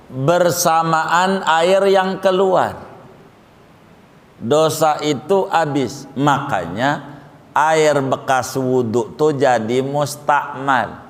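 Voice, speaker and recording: Preacher guy, talks slow n chatty, voice jumps up high when he makes a point, big hall echo. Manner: colloquial joking preacher, pitch jumps up for emphasis. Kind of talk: sermon. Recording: long hall reverb.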